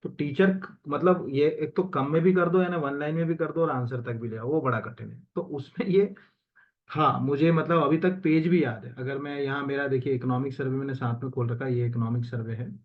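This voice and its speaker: A man's voice: medium pitch, fairly even intonation, brisk, dull audio. Man talking through exam answers. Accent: Hindi with English terms mixed in. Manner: conversational, many fillers and self-corrections. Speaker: exam coaching teacher. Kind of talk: explaining exam answers while screen-sharing.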